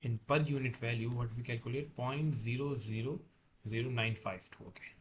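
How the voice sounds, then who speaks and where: A man's voice: mid-range voice, steady tone, low-quality recording. Guy lecturing thru a worked problem, stop and start, repeats himself, bit of noise behind him. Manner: lecturing, halting, repeats and self-corrects. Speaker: engineering tutor. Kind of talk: lecturing, working through a problem step by step.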